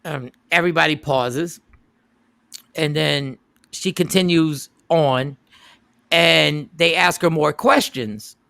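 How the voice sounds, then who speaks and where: A man hosting a radio show, retelling a story in an animated, casual way and stopping to repeat the lines that matter. His voice is bright and a little gravelly, and the sound is dry and close to the mic. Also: a little high, slow pace, dry recording.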